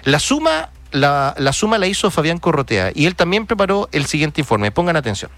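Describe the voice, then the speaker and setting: A man's voice: fairly high pitch, very animated, a little fast, a bit bright, no room sound. A man hosting radio news, commenting emphatically with rhetorical questions and fillers.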